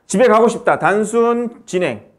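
Brisk high-voiced male English tutor. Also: lively intonation. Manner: brisk, quizzing the student. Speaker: English teacher. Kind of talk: grammar lesson.

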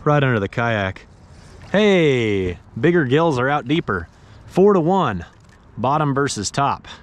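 A man in his thirties chatting casually on a fishing vlog from a kayak on a pond, easily excited and saying dude and bro. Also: mid-range voice, a little slow. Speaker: fishing vlogger. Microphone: action camera mounted on the kayak.

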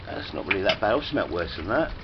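A man's voice: deep voice, sing-song, quick pace. A middle-aged man chatting casually outdoors, unfazed and coaxing. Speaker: challenge taster, father. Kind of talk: casual family chat. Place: outdoors in a back garden. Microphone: camera a few feet away. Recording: dull sound, loud outdoor background noise.

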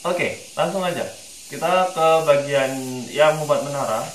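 A man's voice: a little high, a little slow, reverberant, slight background noise, poor audio. A man from Indonesia guiding a screen-recorded 3D modeling tutorial, thinking aloud with lots of fillers. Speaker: tutorial instructor.

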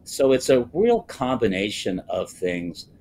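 Slow, low-voiced older man. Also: sing-song, darkish tone, a little hiss or hum. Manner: slow, measured, frequent "uh" pauses. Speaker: guest. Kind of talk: live TV interview over video call. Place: indoors, wood-panelled office with bookshelves. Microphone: video call, webcam close up.

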